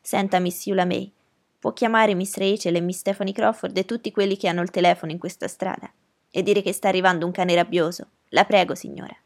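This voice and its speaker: Woman doing a stern housekeeper, firm, loud, commanding, breathy voice, storybook reading. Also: fairly low pitch, steady tone, a little fast.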